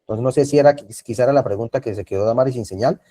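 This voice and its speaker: A man's voice: mid-range voice, rapid-fire, warm tone. A man teaching an online first aid class over a video call, repeating key points and checking in with the class. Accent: Colombian Spanish. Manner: repetitive, checks in with frequent tag questions.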